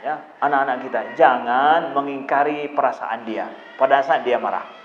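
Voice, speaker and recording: A man of medium pitch and moderate pace, an Islamic preacher answering parents' questions, gives a religious lecture on parenting. He talks repetitively and conversationally, posing rhetorical questions to listeners. The audio is reverberant and dull, with slight background noise.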